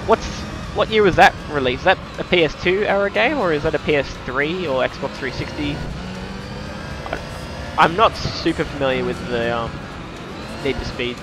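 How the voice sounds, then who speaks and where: A man's voice: a little high, moderate pace. An Australian man live-streaming a game, chatting casually in a blokey way with mild swearing and slang. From New South Wales, Australia. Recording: loud game music and engine noise behind. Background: racing game music and car sounds.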